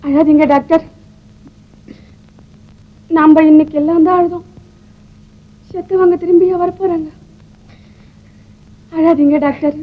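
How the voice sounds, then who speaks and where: An actress playing a gentle young woman who comforts a grieving man in a soothing, coaxing way, in 1950s film melodrama style. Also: very high voice, fairly even intonation, measured pace, pauses often. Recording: dull old 1950s film soundtrack.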